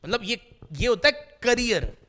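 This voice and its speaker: A man's voice: very high voice, big pitch swings, measured pace, bright, forceful tone. A man teaching English vocabulary in a classroom, quizzing students with repeated questions in a playful way.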